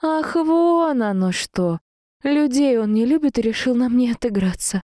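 A woman voicing an indignant, quick-tempered young heroine who throws out sharp, outraged exclamations. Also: medium pitch, dry recording, clean studio sound, pitched above the performer's own voice, lightly acted. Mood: angry.

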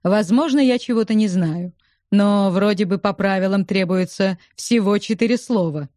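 An unflappable gentleman speaking in a deadpan, drily ironic way, as a woman narrator voices him. He appears in a storybook reading. The recording is close and dry. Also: medium pitch, normal speed, no echo, close to an everyday voice.

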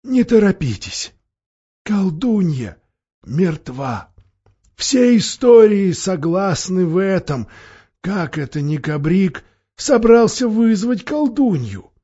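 Casting: a high, fussy old storybook scholar, read by a man, lo-fi sound. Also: big pitch swings, slow pace, mellow, slightly rough, heavily acted. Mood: urgent. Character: learned old male doctor, cautious and calming.

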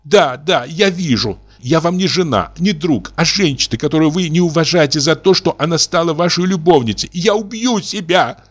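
A man's voice: a little high, moderate pace, fairly bright tone, voice pushed up. A man reading aloud voices an anguished, tearful young woman who pleads with her lover. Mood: sobbing. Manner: pleading, sobbing outbursts. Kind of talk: audiobook reading.

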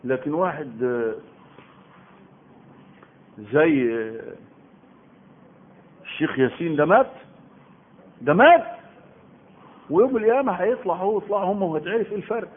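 A man's voice: on the high side, normal speed, long pauses. A man with an Egyptian Arabic accent, giving an emphatic Quran lesson, repeating phrases and firing rhetorical questions. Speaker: Islamic preacher giving Quran commentary. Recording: tinny phone-like audio.

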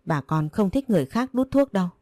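A woman's voice: medium pitch, expressive, fairly quick, dark tone, no echo, studio quality, lightly acted. A woman voicing a brash young female servant in a read-aloud story, whiny and insolent. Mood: pleading.

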